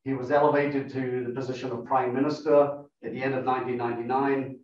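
Heard from a distance in a very echoey meeting room, a male guest professor lectures over slides in a level, darkish, medium-pitched voice. His accent is non-American English, and his careful explanations are dotted with "uh" fillers; the audio is dull and lo-fi.

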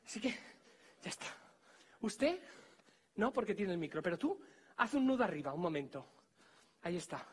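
A man with a Spanish accent performing a live comedy magic act, teasing volunteers and giving them quick orders on stage. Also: high-pitched, big pitch swings, breathy edge.

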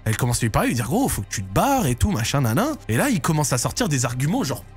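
Fast-talking slangy young French guy. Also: mid-range voice, wildly swooping pitch, faint music behind. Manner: slangy, rambling, full of "tu vois" and "genre". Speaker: YouTube storyteller. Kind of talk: casual storytelling to viewers.

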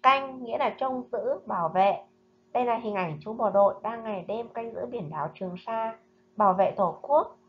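Over slides, a slightly high-voiced woman who teaches primary school runs a reading lesson for young children, sounding out each syllable slowly and distinctly in careful drills. Her narration has a slightly muffled, lo-fi quality with slight background noise.

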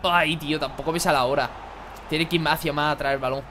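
A young man, excitably commentating his own football video game match for viewers. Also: fairly high pitch, fast talker, slight background noise. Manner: excitable, exclaiming, chatty. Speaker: gaming youtuber. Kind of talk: live gameplay commentary.

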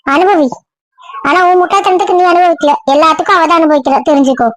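A woman with a very high voice scolds at a rapid clip in an audio drama. She sounds bossy and sharp-tongued. The recording is close and dry, with no room sound. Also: dry recording. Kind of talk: Tamil audio drama acting.

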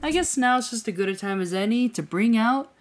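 A woman hosting a let's play, chatting casually and thinking out loud as she plays. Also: a little high, expressive, fairly quick. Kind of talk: casual gameplay commentary. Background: loud game music.

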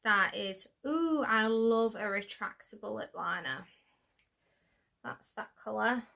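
A woman with a slightly hoarse voice, chatting casually and giggling excitedly as she unboxes makeup for her channel. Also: medium pitch, slow pace. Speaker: beauty vlogger.

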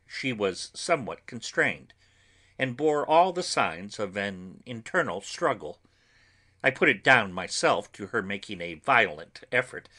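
A man narrating an audiobook in a measured, dramatic reading style. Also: medium pitch, pushed and bright.

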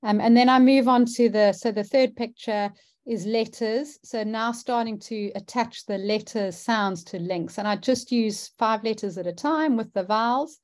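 A woman's voice: on the high side, moderate pace, a little mellow. A woman, a dyslexia specialist teacher, presenting a webinar and explaining her methods step by step with frequent fillers.

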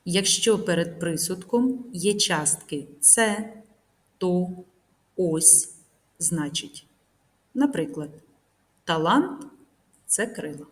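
A woman teacher narrating a recorded grammar lesson, reading example sentences slowly and carefully. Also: on the low side, animated. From Ukraine.

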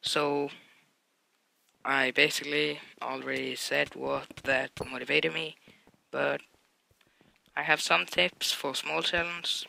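A young man with a gravelly, very bright voice that sits a little high for a man. He talks slowly and answers viewer questions in a blunt, deadpan way, like a casual gaming vlog.

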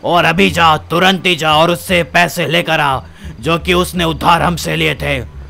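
A man's voice: fairly high pitch, steady tone, measured pace, vocal fry, pushed and bright, exaggerated voice. A man voicing an angry male gangster boss who scolds and threatens his men. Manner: barking, scolding.

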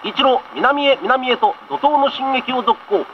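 A man with a very high, strained voice reads out an old wartime newsreel in a brisk, rousing, formal tone. The recording is dull and lo-fi, like an old film soundtrack, with a faint hiss running under it. He sounds like a narrator of a historical propaganda reel.

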